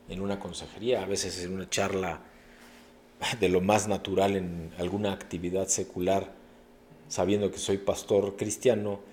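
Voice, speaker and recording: A man's voice: deep voice, slight background noise. A middle-aged man preaching a sermon as a pastor, earnest and preacherly, with sudden emphatic rises.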